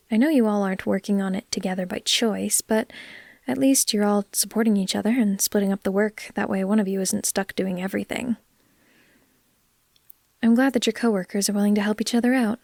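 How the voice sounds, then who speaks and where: A woman with a medium-pitched voice and vocal fry plays a caring vampire who gently teases in a soft, unhurried, comforting ASMR roleplay, sometimes drifting toward a whisper. The recording is dry and studio-clean.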